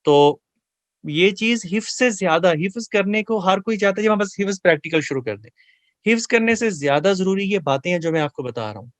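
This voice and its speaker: A man teaching Quran memorization, explaining pronunciation in earnest, repetitive coaching and reciting verses slowly for students to repeat. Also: high voice, expressive, dry recording. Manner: slow drawn-out chanted recitation between explanations; earnest, repetitive coaching, asks and answers his own questions.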